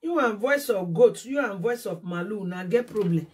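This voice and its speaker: A woman's voice: mid-range voice, animated, moderate pace, darkish tone, recorded from a distance. A woman with a Nigerian accent ranting angrily on a phone live stream, scolding and repeating herself. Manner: confrontational, scolding, repetitive. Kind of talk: angry live-stream rant.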